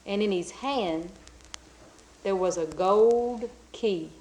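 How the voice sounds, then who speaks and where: A woman telling a folk tale in a folksy, drawn-out and emphatic way. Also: medium pitch, a little mellow, a little hiss or hum, low-quality recording. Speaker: storyteller. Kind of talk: folk storytelling.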